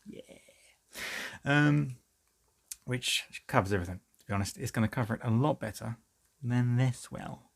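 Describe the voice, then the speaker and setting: A man's voice: medium pitch, moderate pace, gravelly, pauses often. A middle-aged man, rambling in a casual, self-deprecating way through a home guitar vlog from a small cluttered room. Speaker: guitar hobbyist vlogger.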